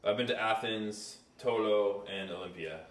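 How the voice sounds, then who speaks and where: A young man with a fairly low voice talks casually. He rambles, keeps saying "like" and drops swear words as he goes. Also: normal speed. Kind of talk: casual chat.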